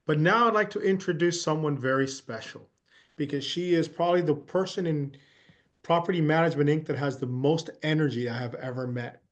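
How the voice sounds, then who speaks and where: A man's voice: fairly high pitch, a little fast. A man hosting a webinar, introducing the next speaker in a casual, friendly way over a video call. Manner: casual, friendly, filler-heavy. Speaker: webinar host. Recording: dull video call audio.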